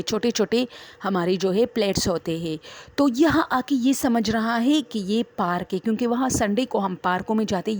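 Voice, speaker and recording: A woman's voice: mid-range voice, a little mellow. A woman from Swat, casually telling a true horror story from her own life and talking straight to her listeners as friends. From Swat, Pakistan. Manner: chatty, addresses listeners as friends, digresses.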